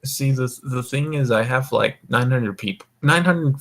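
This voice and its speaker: This young voice-call host, from the American Mountain Time zone, is tipsy in a casual group chat, rambling, swearing and fumbling words. He speaks at a normal speed in a mid-range, slightly bright voice.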